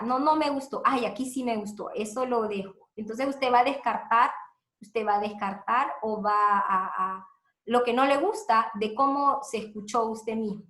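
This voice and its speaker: A woman's voice: on the high side, a bit bright. Honduran woman teaching in an echoey room. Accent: Honduran Spanish. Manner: explanatory, repeats points, frequent "eh" fillers. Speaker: teacher giving a seminar talk. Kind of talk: instructional talk on recording radio audio.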